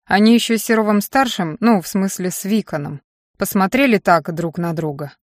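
A woman's voice: mid-range voice, normal speed, dry recording, natural voice. A woman voicing a brash, wary young man who talks in an offhand, mumbling drawl, in an audiobook read in a dry room. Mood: musing.

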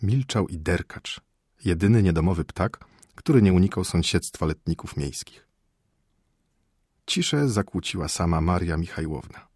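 A man narrating a classic short story as an audiobook, in a measured, expressive manner. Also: low voice, husky, dry recording, clean studio sound.

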